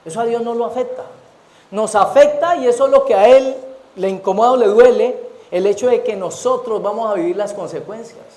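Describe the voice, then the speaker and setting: High-voiced Colombian pastor preaching. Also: male voice, a little fast, warm tone. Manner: asks the congregation rhetorical questions. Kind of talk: sermon. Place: church. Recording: echoey church hall.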